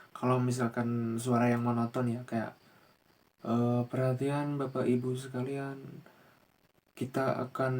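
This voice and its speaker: A man's voice: mid-range voice, darkish tone. A young man talks through a class presentation with little rise and fall in his voice. His delivery is casual and explanatory, full of fillers and restarts. He is recorded indoors on a camera microphone. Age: young adult. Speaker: university student presenter.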